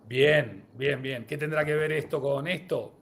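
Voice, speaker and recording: A man's voice: medium pitch, measured pace, vocal fry. A man co-hosting a live-streamed podcast, greeting viewers and running a word-association game. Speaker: podcast co-host.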